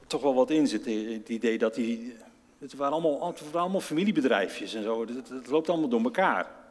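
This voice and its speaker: A man preaching a conversational sermon. He asks his listeners questions and acts out the quotes in his story. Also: mid-range voice. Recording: long reverb of a large hall.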